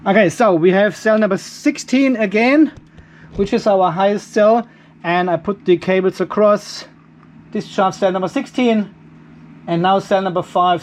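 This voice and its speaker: Working with his hands in a garage workshop, a middle-aged DIY off-grid battery channel host chats loosely and thinks out loud. His voice is high-pitched yet darkish in tone.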